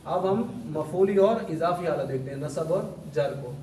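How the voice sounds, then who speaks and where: A man's voice: on the high side, mellow. A man teaching Arabic grammar to a class, repeating word forms and putting questions to his students. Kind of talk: classroom lesson. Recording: echoey room, mic far off, faint hum.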